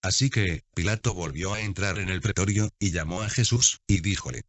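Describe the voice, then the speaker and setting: Low-voiced man reading scripture steadily. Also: moderate pace, no echo. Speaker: Bible reader. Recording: dull, dry lo-fi recording.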